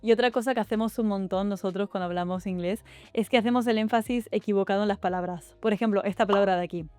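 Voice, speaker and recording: Woman, Spanish accent, young adult, quick upbeat vlog chat, low music underneath. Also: mellow, no echo. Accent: Spanish (Spain). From Spain. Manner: chatty and upbeat, with quick asides to the viewer. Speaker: YouTuber giving study-abroad and exam advice. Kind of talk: casual advice vlog. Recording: faint music behind the voice.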